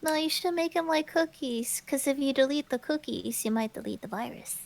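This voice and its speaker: A woman's voice: high-pitched, fairly quick, gravelly. A woman guest in a casual group chat, giggly and teasing as she talks about reading a skit.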